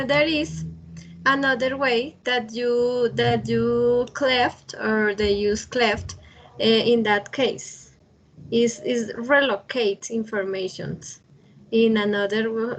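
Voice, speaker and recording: Slow, halting woman teaching English. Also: fairly high pitch, fairly bright tone, a little hiss or hum, poor audio. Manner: halting, many fillers and restarts. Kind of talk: online class lecture. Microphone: video call.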